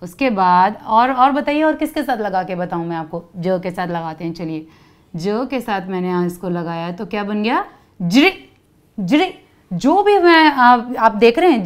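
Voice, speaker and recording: A woman teaching young children, patiently explaining each step and asking them to repeat sounds after her. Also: medium pitch. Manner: call-and-response, asks kids to repeat. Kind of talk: children's lesson.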